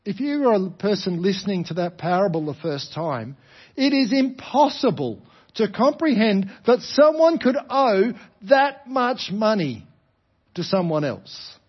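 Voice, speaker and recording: Male preacher, Australian, high-pitched. Explanatory sermon delivery with emphatic repetition and rhetorical questions. Slightly muffled sound. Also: big pitch swings, measured pace, husky. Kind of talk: sermon, explaining a parable to a congregation.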